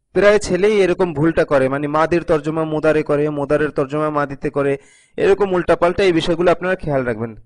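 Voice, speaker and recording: A male teacher giving a recorded video lesson, patiently reading sentences aloud and translating each one, often repeating them. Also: on the high side. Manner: reads each sentence, then translates it line by line; patient, repeats phrases for learners. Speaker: Arabic teacher.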